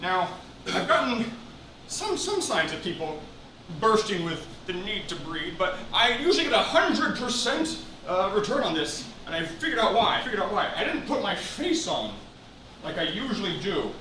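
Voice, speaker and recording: A man's voice: high voice, sing-song, bright, forceful tone, far from the mic, exaggerated voice. A man playing a vain, preening pretty boy in boastful, theatrical live character comedy, recorded in an echoey, noisy room. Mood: gloating. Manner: boastful, drawn-out theatrical delivery. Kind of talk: absurd live character comedy with crowd work.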